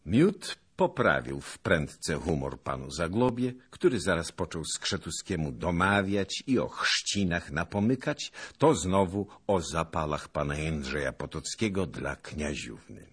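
Male audiobook narrator, very deep, husky, slow, expressive. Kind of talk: audiobook narration of a historical novel.

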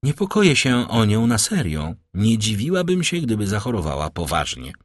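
A man reading an audiobook, voicing a composed, solicitous lady of the house who speaks with sighing concern in a husky voice. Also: fairly low pitch, wildly swooping pitch, moderate pace, no room sound, clean studio sound.

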